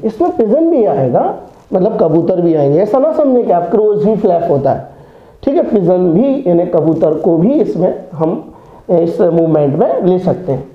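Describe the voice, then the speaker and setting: तेज़ गूंज वाली, फ़ोन जैसी पतली आवाज़ में हिंदी लहजे वाला पुरुष शिक्षक. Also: male voice, high-pitched. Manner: chants word lists in a sing-song rhythm, explains with memory tricks. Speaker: English teacher. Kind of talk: classroom-style video lesson. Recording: echoey, tinny phone-like sound.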